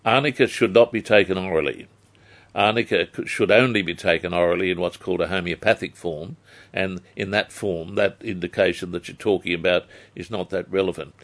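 An Australian man giving health advice on a live phone-in, measured and formally worded. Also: sits low, fairly even intonation, a bit bright. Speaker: health advice expert on radio.

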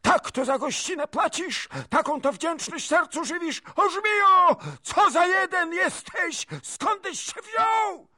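Shrill furious old princess, voiced by a man. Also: slow, few pauses, bright, forceful tone, exaggerated voice. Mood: outraged. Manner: shrieking, hurling insults. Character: fierce old princess, furious widowed mother. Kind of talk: audiobook character voice.

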